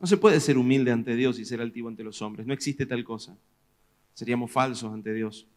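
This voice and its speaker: A man with a Rioplatense Spanish accent, a pastor preaching a sermon in a lively, conversational way, pressing questions on his congregation. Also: mid-range voice, normal speed. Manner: animated preaching, rising loud on questions to the congregation.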